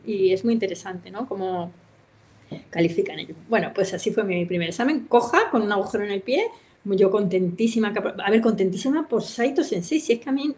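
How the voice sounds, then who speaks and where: A middle-aged woman, a guest in a casual interview, telling stories in a lively way and laughing often. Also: medium pitch, brisk. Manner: lively storyteller who acts out other people's voices and laughs often. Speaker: interview guest, kendo practitioner. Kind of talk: casual anecdotal chat.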